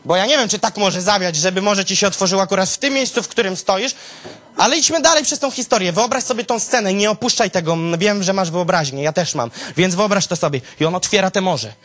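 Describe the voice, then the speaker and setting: A man delivers a sermon in a high voice, telling the story dramatically. He talks straight to his listeners, dropping to a low murmur and then rising to sharp, high exclamations. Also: animated, fairly quick. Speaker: preacher.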